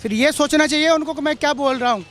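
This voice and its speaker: A man's voice: very high-pitched, fast talker, a bit bright. A man giving a street interview outdoors, talking in an indignant, emphatic way and hammering his points home by repeating them.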